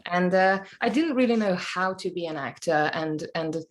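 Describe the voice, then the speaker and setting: Speaking at a normal speed, this low-voiced Hungarian woman is thoughtful and sometimes hunts for the right word. An actor and native Hungarian speaker, she's a podcast guest in a relaxed interview.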